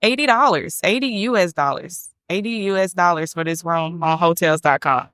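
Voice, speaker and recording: A woman's voice: fairly low pitch, moderate pace, a bit bright, no echo, studio quality. A woman vlogging casually about travel, chatty and repeating points for emphasis. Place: hotel room.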